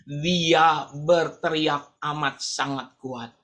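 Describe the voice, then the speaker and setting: A man preaching a sermon as pastor of a church, dramatic and swinging between loud calls and quiet asides. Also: a little high, fairly even intonation, very slow. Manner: acts out the blind man's cry.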